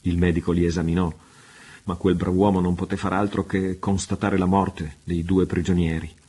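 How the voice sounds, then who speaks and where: A man reading a novel aloud, measured and unhurried. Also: deep voice, level tone, mellow, husky. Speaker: reader. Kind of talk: audiobook narration.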